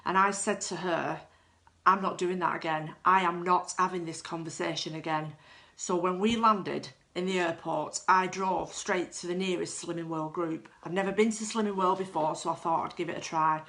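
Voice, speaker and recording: Woman, middle-aged, lowish pitch, candid personal testimonial, self-deprecating, restarts and fillers. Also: fairly even intonation, normal speed, bright, forceful tone. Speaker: client giving a testimonial.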